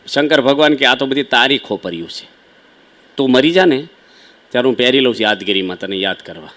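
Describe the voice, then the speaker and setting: વાર્તા કહેતા ગુજરાતી સ્વામી, પુરુષ. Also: male voice, medium pitch, expressive, brisk, a bit bright. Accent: Gujarati. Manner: conversational, folksy storytelling with asides to listeners. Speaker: swami preacher. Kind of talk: devotional sermon storytelling.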